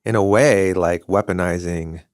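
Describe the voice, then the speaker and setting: Low-voiced man chatting casually. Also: unhurried, no echo, clean studio sound. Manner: relaxed, curious, offers short reactions and quips. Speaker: podcast co-host. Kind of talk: casual podcast conversation.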